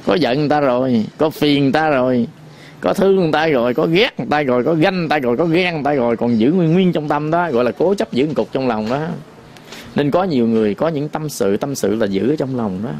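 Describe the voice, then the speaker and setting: Guy preaching buddhism, raspy fry in his voice, keeps repeating himself folksy style. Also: on the high side, animated, a little mellow, a little hiss or hum. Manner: repetitive, folksy, chants verse lines slowly. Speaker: Buddhist teacher. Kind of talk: sermon.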